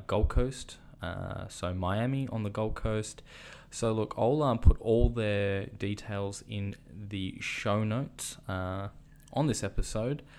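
Podcast host: Australian man, lowish pitch, casual, meandering, stop-start delivery. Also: gravelly, a little mellow. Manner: rambling, halting, informal. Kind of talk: casual podcast introduction and interview.

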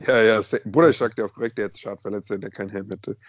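A man's voice: lowish voice, fairly even intonation, quick pace, dry recording. Slangy young man on a dull call recording. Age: young adult. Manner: slangy, emphatic, peppered with filler address words. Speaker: podcast co-host. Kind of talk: casual chat and storytelling. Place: at home on an internet call. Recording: slightly dull internet call audio.

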